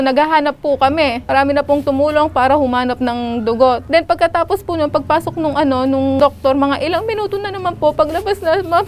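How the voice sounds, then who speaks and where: Young widow interviewee, high tearful voice, retells events by quoting others. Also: female voice. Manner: tells events by quoting others, frequent "sabi niya". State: tearful, voice breaking. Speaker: widow of a shooting victim. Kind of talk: emotional interview recounting loss.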